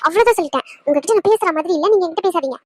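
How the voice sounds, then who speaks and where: Woman playing a cartoon wife, scolding, indignant, very high pitch, fast. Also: expressive, warm tone. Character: huffy, scolding young wife. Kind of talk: cartoon voice acting.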